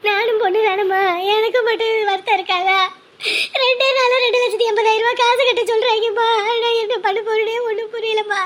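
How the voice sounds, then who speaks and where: A woman's voice: extremely high pitch, steady tone, brisk, fairly bright tone. An actress playing a desperate young woman, crying and pleading over her debts in a family drama. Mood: tearful. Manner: tearful, pleading. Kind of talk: family web drama acting.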